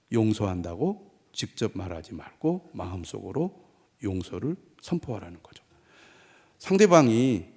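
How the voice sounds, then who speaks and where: A man's voice: mid-range voice, darkish tone. A man preaching a Sunday sermon in a conversational way, leading the congregation in repeating phrases. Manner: conversational preaching, acts out quoted lines. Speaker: pastor. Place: church sanctuary. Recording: church hall reverb.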